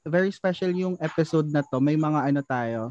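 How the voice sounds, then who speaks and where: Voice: mid-range voice, normal speed, no echo, dull audio. Laid-back young podcast host. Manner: relaxed, filler-heavy hosting. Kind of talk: casual chat.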